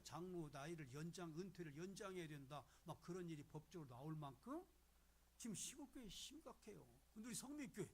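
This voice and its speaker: A middle-aged man preaching a sermon as a guest preacher in a small rural church, telling stories with animated energy and acting out the voices he quotes. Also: high-pitched, a little hiss or hum.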